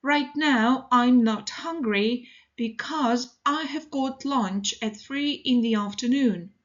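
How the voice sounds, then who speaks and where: A woman teaching English, reading model sentences for learners in a slow, deliberate, evenly paced way. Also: on the high side, dull audio.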